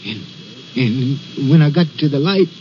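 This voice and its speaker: An actor playing a nervous railway signalman in a 1940s radio play, telling his story in a halting, stammering way. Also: medium pitch, expressive, darkish tone, a little hiss or hum, natural voice. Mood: haunted. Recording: dull old radio recording.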